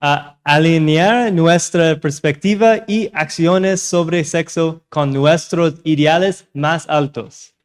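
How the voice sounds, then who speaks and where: An American man, a native English speaker, giving a public talk through an interpreter, mixing English with halting American-accented Spanish. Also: a little high, clear, resonant tone. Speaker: guest speaker at a youth seminar.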